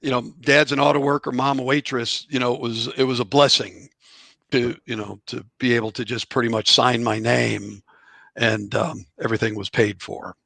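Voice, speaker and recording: A man's voice: medium pitch, flat delivery, normal speed, vocal fry, sharp tone, no echo. A middle-aged man, a former college ballplayer and author, telling chatty, rambling anecdotes as a podcast guest. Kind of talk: relaxed storytelling in a podcast interview.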